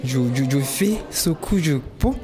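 A Nigerian dancer who took part in an exhibition answers interview questions in learner French, hesitating and using many fillers, though he warms up when describing his dreams. His voice is a little high, with lively intonation and an unhurried pace, heard over music.

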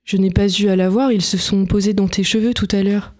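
A woman's voice: mid-range voice, fairly even intonation, a little fast, darkish tone, natural voice. A woman reading the lines of a young male painter who sees butterflies that are not there. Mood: tender.

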